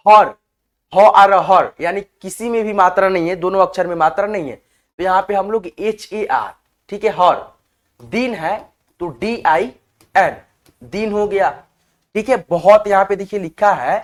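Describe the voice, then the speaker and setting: A woman teaching spelling, walking her viewers through each word one letter at a time. Her pitch sits in an ordinary middle range, and she keeps pausing to make sure her viewers are following along. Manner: keeps checking in with the viewers as friends. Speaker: online teacher. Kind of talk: step-by-step spelling lesson.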